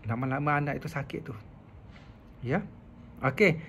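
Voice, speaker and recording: A man's voice: a little high, moderate pace, fairly bright tone, slight background noise. A man, a professor talking casually about mental health and telling stories with frequent filler sounds. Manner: chatty, storytelling with filler sounds. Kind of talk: casual explanatory talk.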